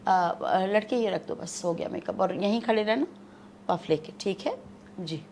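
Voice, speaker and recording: A woman's voice: mid-range voice, vocal fry, a little mellow, slight background noise. A woman guest with a Pakistani Urdu accent, talking in a haughty, scolding mother-in-law manner in a comic interview. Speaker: guest actress.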